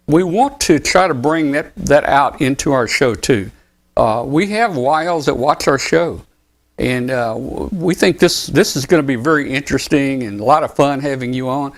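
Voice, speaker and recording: A man hosting a live ham radio talk show, interviewing a guest in a friendly, chatty manner with frequent restarts. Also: mid-range voice. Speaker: show host.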